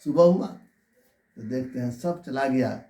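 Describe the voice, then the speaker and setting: A man's voice: medium pitch, measured pace, warm tone. A man preaching a devotional sermon in the manner of a wise sage, instructing and telling stories. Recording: echoey, reverberant room.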